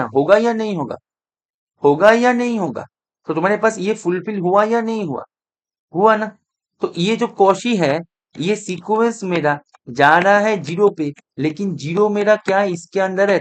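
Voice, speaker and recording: Coaxing male math teacher, live lecture. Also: high voice. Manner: coaxing, keeps checking in with students.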